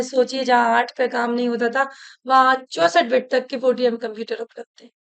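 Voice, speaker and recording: A woman teacher giving an online class lecture, chatty, telling anecdotes and often restarting her sentences. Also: a little high.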